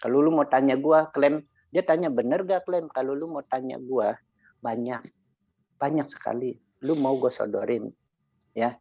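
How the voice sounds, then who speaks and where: A man's voice: medium pitch, moderate pace, breathy edge, no room sound, highs cut off. A man speaking in a motivational sharing session, telling a story with casual slang and acting out both sides of a conversation. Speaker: insurance agent sharing experience.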